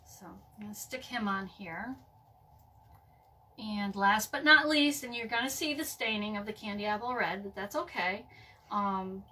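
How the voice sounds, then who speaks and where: A woman's voice: medium pitch, pushed and bright, distant mic, a little hiss or hum. A woman chatting through a casual craft tutorial at home, with lots of fillers and frequent "okay?" check-ins, saying she is losing her voice. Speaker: craft vlogger.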